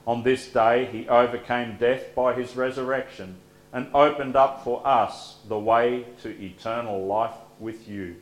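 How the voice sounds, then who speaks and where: A man leading liturgical prayers as pastor, reading in a measured, solemn way, his voice carried by the echo of a large church sanctuary. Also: mid-range voice, fairly even intonation. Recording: echoey church room with faint hum.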